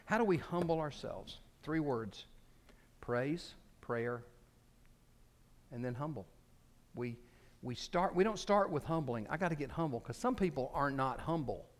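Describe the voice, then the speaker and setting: A man preaching a sermon, swinging between loud emphasis and quiet asides and acting out quoted speech. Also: mid-range voice, lively intonation, a little slow, long pauses. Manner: acts out quoted speech in his telling. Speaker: pastor.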